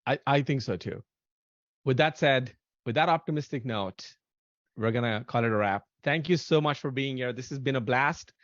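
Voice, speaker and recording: A man in his thirties hosting a casual podcast chat, excitable and animated, speaking in quick bursts. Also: medium pitch, no room sound. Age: 30s. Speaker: podcast host. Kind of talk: casual chat on a video call. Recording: dull, lo-fi, dry audio.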